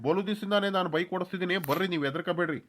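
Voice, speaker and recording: Guy doing a cocky young village dude on a bike, fast talker. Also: sits high, a bit bright. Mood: breezy. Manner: breezy, reassuring.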